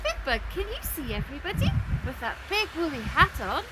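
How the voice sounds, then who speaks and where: A woman leading a children's sing-along session in a bright, overenthusiastic party host manner, talking to young children. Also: sits high, big pitch swings, a little fast. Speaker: children's singing session leader. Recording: noisy recording with loud background noise.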